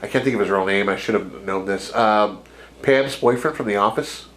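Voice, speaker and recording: Podcast co-host, male, lowish voice, loose rambling delivery with laughs. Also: moderate pace, a bit bright, rough recording. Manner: rambling, filler-heavy retelling; laughs while talking, jokey impressions. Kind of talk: casual chat.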